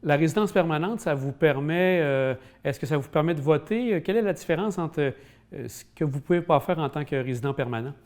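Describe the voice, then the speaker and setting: A man's voice: fairly high pitch, expressive, brisk, a little mellow. A man, hosting a local TV interview and asking polite, formal questions with some fillers. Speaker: TV interviewer, host.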